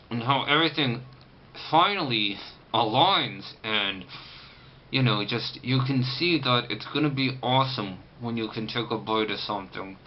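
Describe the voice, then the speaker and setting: Man talking through a sore, banded jaw, muffled. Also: mid-range voice. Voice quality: restricted, tight-jawed articulation from a banded, sore jaw after surgery. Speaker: vlogger. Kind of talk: casual first-person recovery vlog. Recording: muffled, lo-fi camera audio with clear background noise.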